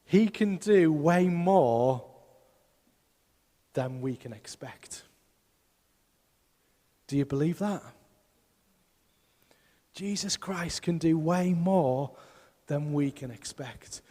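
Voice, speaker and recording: A man's voice: a little high, expressive, extremely slow, pauses often, warm tone, long reverb tail. A man preaching a sermon as pastor, emphatic and putting rhetorical questions to his congregation. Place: church hall.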